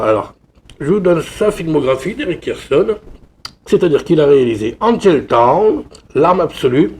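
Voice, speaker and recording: A man's voice: a little high, darkish tone. A man talking casually to his viewers about a film he unboxed, rambling with lots of fillers and restarts. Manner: chatty, addresses viewers directly. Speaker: film collector YouTuber.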